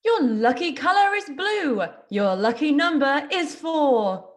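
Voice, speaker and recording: A woman playing a fairground barker in a play reading, calling out fortunes in a loud, sing-song carousel caller's cry. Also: high voice, big pitch swings, takes it slowly, pitched above the performer's own voice, exaggerated voice. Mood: brash patter.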